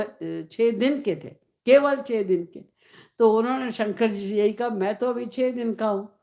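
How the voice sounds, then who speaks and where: A woman preacher tells devotional stories at a very slow, unhurried pace, reverent throughout. Her voice sits fairly high, and she chants scripture verses among the telling. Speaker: devotional storyteller. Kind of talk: devotional story sermon.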